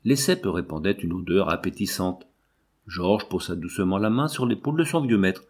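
A man narrates a novel as an audiobook in a low, husky voice. His reading is measured and even.

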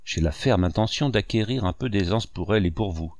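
An aging male painter from a storybook, wry and wistful with a proud streak, rambling on to his housekeeper, as a man reading the tale puts him on. His voice sits low and sounds dry and close. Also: fairly quick, a little mellow, no room sound, close to an everyday voice. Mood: wry musing. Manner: wry musing monologue addressed to a housekeeper.

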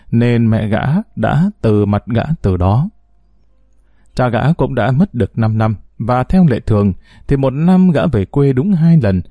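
Mellow male storyteller, dry close sound. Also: medium pitch, dry recording. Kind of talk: scripted narration.

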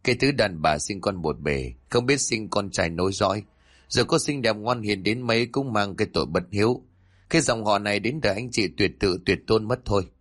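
A man's voice: on the low side, lively intonation, brisk, a bit bright. A man voicing a quarrelsome, scheming old mother-in-law who scolds her daughter-in-law. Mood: grumbling. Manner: scolding, grumbling.

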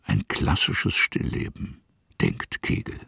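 In a literary radio drama, an actor narrates as a musing male storyteller, his gravelly, husky voice sounding pushed and bright. His phrasing is measured and fragmentary, captured as clean studio sound with no echo.

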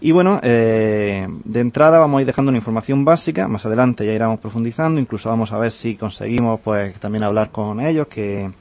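A man's voice: on the low side, fairly quick, few pauses, a little mellow, no echo, lo-fi sound. A man with a Spanish accent from Spain presenting news on a radio show in a casual, chatty way.

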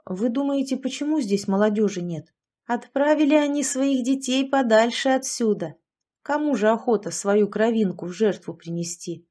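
A woman's voice: a little high, normal speed, warm tone, pitched above the performer's own voice, lightly acted. A woman voicing a grim, bitter old village man who grumbles and bursts out angrily. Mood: weary.

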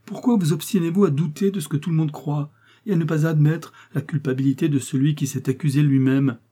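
A frail, tearful servant woman, as a male reader puts her on, trembles and sobs through her pleading. The voice sits higher than the reader's own, dark and husky. An audiobook figure. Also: fairly even intonation, a little fast. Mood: agitated. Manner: trembling, sobbing pleas.

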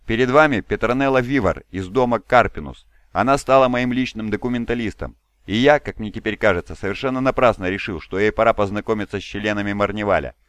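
A man's voice: lowish voice, fast talker, fairly bright tone, clean tone, dry recording, close to an everyday voice. A man voicing a proud, fatherly giant male warlord who speaks in a solemn, commanding way.

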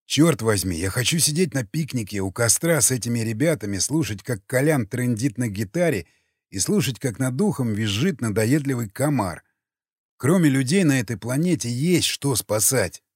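A man reading the lines of a gruff, menacing cannibal in an audiobook, coarse and threatening, with a lively pitch and a dry sound. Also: moderate pace, dry recording. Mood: musing.

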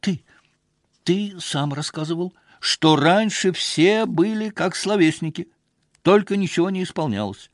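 A man voicing a tearful, desperate young wife who pleads in shrill, sobbing outbursts. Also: very animated, slow pace, bright, forceful tone, husky, dry recording, studio quality, full character voice.

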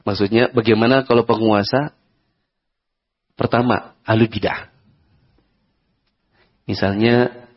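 A man's voice: mid-range voice, slightly rough. A man with an Indonesian accent giving a conversational Islamic study lecture, asking the audience questions and acting out examples. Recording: dull lo-fi lecture recording.

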